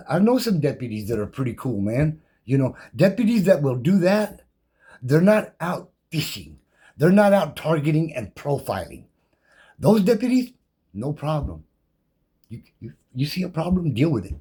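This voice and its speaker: A man's voice: on the high side, dark tone, breathy edge. A man delivering a combative, defiant monologue about his rights, slangy and profane, rattling off legal code numbers from memory. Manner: loose, repetitive, slangy and profane. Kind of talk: impassioned monologue rant.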